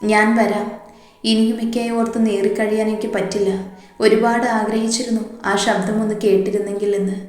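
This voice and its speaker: A woman's voice: medium pitch, little pitch movement, fairly quick, darkish tone, natural voice. A woman voicing a heartbroken young woman who speaks through tears, in a story reading in an echoey room. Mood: tearful. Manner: tearful, trembling.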